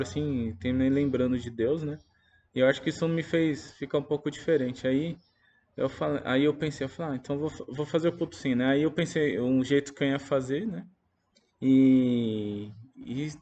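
Gravelly man musing hesitantly. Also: medium pitch, a little mellow, muffled recording, slight background noise. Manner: hesitant, rambling with many fillers. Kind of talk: personal testimony, casual monologue.

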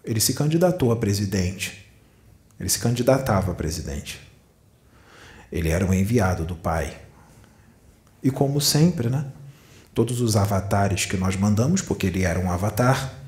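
A man's voice: on the low side, a little mellow. A man giving a channeled spiritual sermon, admonishing his listeners with rhetorical questions. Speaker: spiritual medium. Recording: echoey room.

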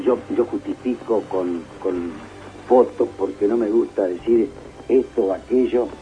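A man's voice: medium pitch, lo-fi sound. An older man with a Uruguayan Spanish accent, a radio broadcaster telling an anecdote in casual chat and acting out the voices. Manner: lively, acts out the voices in his story.

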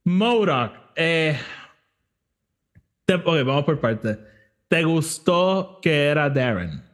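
Spanglish-speaking man with animated, swinging pitch. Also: takes it slowly. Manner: Spanglish, switches between Spanish and English mid-sentence. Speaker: podcast host. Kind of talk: casual movie review chat.

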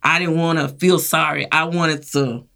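A woman with a gravelly, fry-laden voice tells her own story as an interview guest. She brings a bright, forceful edge to it, slipping into the voices of the people she quotes and laughing as she talks. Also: sits low, steady tone, moderate pace. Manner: acts out quoted voices, laughs while telling. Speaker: guest sharing her experience. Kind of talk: animated personal storytelling.

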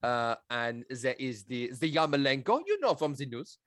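A man voicing a French football scout with a put-on French accent, halting and searching for words. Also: medium pitch, very animated, a bit bright, no echo, studio quality. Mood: conspiratorial.

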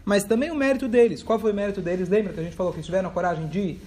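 A man teaching a lively text study class, acting out dialogue and mixing in Hebrew phrases. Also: high-pitched, racing. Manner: expressive, acts out dialogue, mixes in Hebrew phrases. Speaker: Torah teacher.

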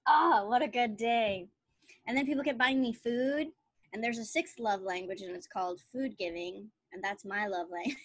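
A bubbly woman in her thirties co-hosts a podcast, chatting casually, telling stories and giggling often. Her voice is a little high, her pace normal, and there's no room sound.

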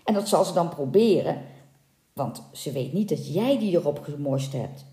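A woman voicing a gentle, decisive young prince in a read-aloud fairy tale. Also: sits low, lively intonation, normal speed, echoey room.

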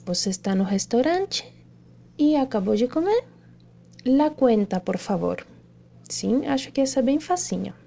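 A woman teaching travel phrases in a casual lesson, saying each example slowly and carefully, with a relaxed, chatty manner and frequent "uhum". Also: fairly high pitch, creaky. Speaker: Spanish teacher.

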